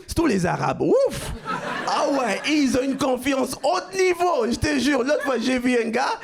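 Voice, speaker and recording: A man from Cuba doing a stand-up comedy set on a club stage, with a loud, punchy delivery that shouts out the punchlines. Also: very high voice, big pitch swings, a little slow, gravelly. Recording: live club recording with crowd. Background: audience laughter.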